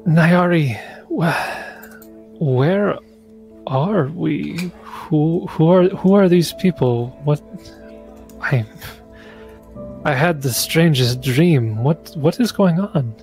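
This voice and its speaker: A man's voice: fairly high pitch, lively intonation, a little mellow, faint music behind, pitched above the performer's own voice, full character voice. Man doing a bewildered young woman. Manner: halting, stammering questions. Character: confused young woman just awakened.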